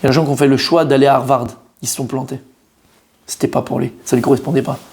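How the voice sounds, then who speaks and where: Fast and gravelly at a medium pitch, this man's voice carries a French-language Torah lesson. He teaches with energy, testing his students, restating key ideas and sprinkling in Hebrew words.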